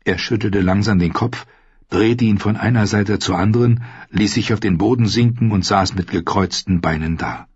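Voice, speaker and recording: A man narrating an audiobook in an even, steady storytelling manner. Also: lowish voice, normal speed, husky, dry recording. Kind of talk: scripted narration. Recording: dry, dull lo-fi audio.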